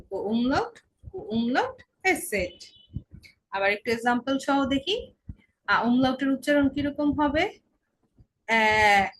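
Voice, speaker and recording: Woman language teacher with a slightly high voice. Patient and repetitive, quizzes herself out loud. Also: poor audio. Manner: repeats sounds slowly, asks and answers her own questions. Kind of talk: explanatory lesson.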